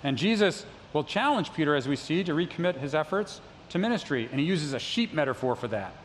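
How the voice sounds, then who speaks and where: A middle-aged male pastor delivers a sermon in a relaxed, conversational way, slipping in self-deprecating asides to the congregation. His voice sits a little high for a man. The sound carries a long reverb from a big hall, with a faint hiss underneath. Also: fairly quick. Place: church sanctuary.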